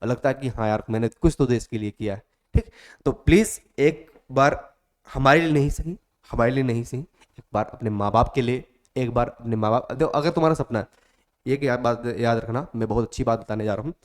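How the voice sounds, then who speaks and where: A man's voice: medium pitch, fairly quick. A male coaching teacher speaking. He gives a motivational class talk, repeats his points over and over, calls the students "beta" and sometimes acts out student voices.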